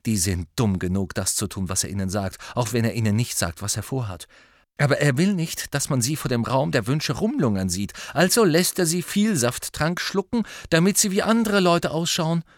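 A man voicing an eager, impatient teenage boy in an audiobook, quick to argue and excitable. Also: medium pitch, no room sound, studio quality, voice pushed up, close to an everyday voice. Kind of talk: audiobook character voice.

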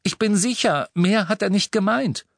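A man's voice: high-pitched, normal speed, vocal fry, no room sound, pitched above the performer's own voice. A man reading aloud and voicing a clever teenage girl witch who reasons and pleads earnestly. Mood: pleading.

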